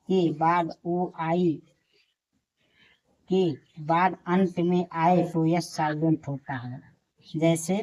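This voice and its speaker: A woman's voice: fairly low pitch, a little mellow, low-quality recording. A woman teaching a lesson, spelling each word letter by letter and saying it again and again. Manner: spells words out letter by letter, slowly; repeats each word many times. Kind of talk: classroom lesson.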